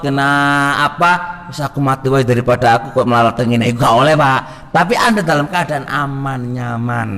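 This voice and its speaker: A man with an East Javanese accent preaching a mosque sermon, swinging from soft murmurs to loud exhortations and calling out to the congregation. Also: on the high side. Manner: addresses the congregation as "Pak". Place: mosque hall. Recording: long reverb of a mosque hall.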